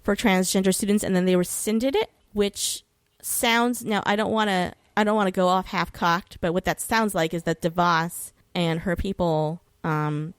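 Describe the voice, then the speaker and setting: Talking about legal issues on a podcast, this woman is informal and a bit sweary, and she hesitates while trying to remember details. She has a lowish voice with fairly even intonation, speaking at normal speed in a clean tone with no echo.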